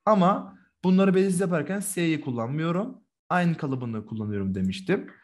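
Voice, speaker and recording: A man's voice: fairly high pitch, expressive, moderate pace. A male teacher giving a remote German lesson over a video call, patiently drilling vocabulary and praising his students' answers.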